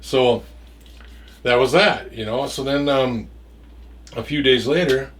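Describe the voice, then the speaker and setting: A man's voice: mid-range voice, takes it slowly, fairly bright tone, recorded from a distance, a little hiss or hum. A man telling a story from his past in a casual, rambling way, stumbling over and repeating words and swearing freely.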